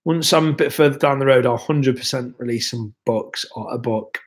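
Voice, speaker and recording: At a normal speed and in a mid-range voice, a young man runs a casual livestream. He rambles easily, reads viewer comments and leans on lots of fillers, his voice slightly worn from being sick.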